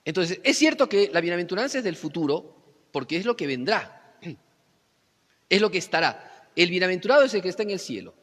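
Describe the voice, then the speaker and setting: A fairly high-pitched man delivers a teaching sermon. He keeps asking his listeners rhetorical questions and swings between loud, emphatic lines and quiet, low ones. His voice rings with a long hall reverb. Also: lively intonation, moderate pace, pauses often. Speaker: preacher.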